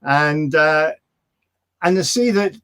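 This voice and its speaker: A man's voice: fairly high pitch, slow pace, fairly bright tone, clear, resonant tone. A man with a slight northern English accent hosting a local online news show from a virtual studio, chatty and friendly. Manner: friendly scripted intro, then chatty. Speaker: host. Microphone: video call.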